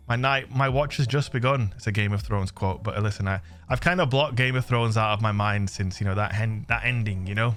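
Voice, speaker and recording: A young Englishman with a fairly low, slightly bright voice hosts a gaming channel, sounding a little under the weather. He chats to his viewers like friends, jokey and full of slang as he comments on the gameplay.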